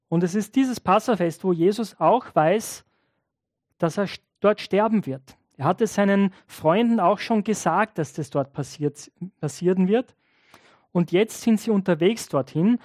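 A man's voice: sits high, darkish tone, no room sound. Male pastor preaching in a dry, close sound. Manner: conversational storytelling, addresses the listeners directly. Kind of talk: sermon.

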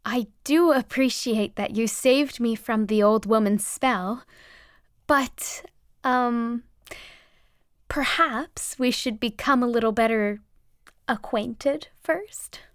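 A woman voicing a gentle young princess in an audio drama, soft-spoken and polite. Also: on the high side, slow pace, no room sound, clean studio sound. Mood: earnest.

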